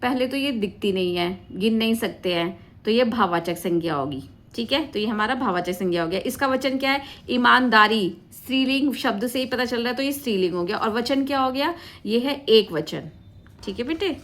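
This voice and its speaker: Patient woman teaching grammar, fairly high voice. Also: moderate pace, a bit bright. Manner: patient, asks questions and answers them herself, calls students "beta". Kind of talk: classroom-style grammar lesson.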